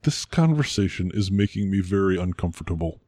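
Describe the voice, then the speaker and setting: A man playing a formal, prim gentleman interviewer with a proper, fussy way of talking. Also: low voice, expressive, brisk, dry recording, clean studio sound. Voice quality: formal, prim, increasingly exasperated. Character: stuffy, proper male interviewer, middle-aged man. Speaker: interviewer in a comic sketch.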